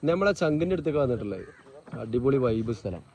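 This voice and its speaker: A man's voice: mid-range voice, very animated, fast talker, mellow. A man chatting casually as a vlog presenter, mixing English words into his Malayalam, recorded outdoors. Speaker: presenter of a borewell water-point vlog. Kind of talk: casual on-site vlog chat. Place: outdoors on a rural plot. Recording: noisy outdoor field recording.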